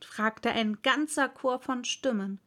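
A woman narrating a children's storybook in a calm, clearly articulated reading. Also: a little high, takes it slowly. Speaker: audiobook reader.

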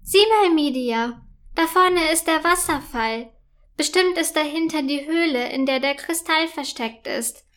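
A woman voicing an eager young princess who pleads and gets excited. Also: sits high, slow, voice pushed up, heavily acted.

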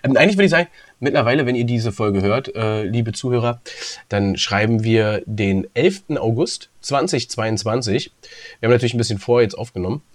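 A man with a mid-pitched voice chats and teases on a podcast, talking freely with a dry sense of humor. His voice is recorded dry and close on his own recorder at home. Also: fairly quick, no echo. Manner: teasing and talkative, with dry humor. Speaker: podcast co-host. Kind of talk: casual podcast chat. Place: at home, on a video call. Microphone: own recording device.

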